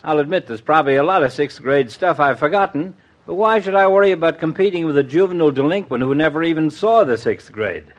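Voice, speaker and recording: An actor playing a grumbling middle-aged doctor in a vintage radio comedy, pompous and given to dry insults. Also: male voice, fairly high pitch, animated, quick pace, few pauses, muffled recording, lightly acted. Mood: condescending. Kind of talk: 1950s radio comedy acting.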